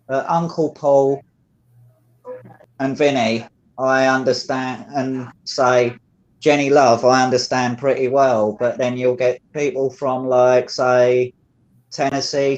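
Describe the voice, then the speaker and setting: Man, London accent, rambling casual chat, phone mic, mid-pitched voice. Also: darkish tone, dull audio. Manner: rambling, many fillers like "it's like".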